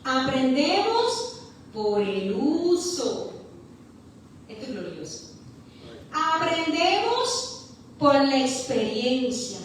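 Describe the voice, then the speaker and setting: A woman's voice: sits high, very animated, slight background noise. A woman pastor preaching a passionate sermon, stretching out her key words. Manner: impassioned preaching, drawn-out stressed words. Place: church hall. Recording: echoey church hall heard from far off.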